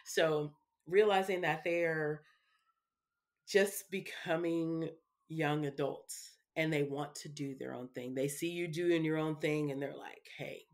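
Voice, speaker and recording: A woman's voice: sits low, fairly even intonation, takes it slowly. A woman talking as a guest in a casual interview, chatty and loose, often tagging her sentences with little asides. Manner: chatty, peppers speech with "you know" and "right". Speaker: guest, parenting speaker.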